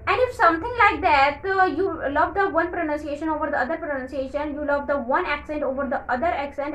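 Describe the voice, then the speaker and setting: A woman with a very high voice teaches English pronunciation in a casual video lesson. She explains at length, repeats her points, and pauses often with "uh". Her voice rings in a roomy, echoing space. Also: a bit bright. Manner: explains at length, repeats phrases, frequent "uh" fillers.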